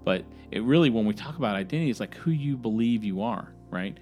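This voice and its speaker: Lowish-voiced man with a Southern lilt. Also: expressive, quick pace, mellow, faint music behind. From American South. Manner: conversational, repeats words when restarting. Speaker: podcast co-host. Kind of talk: casual Bible discussion.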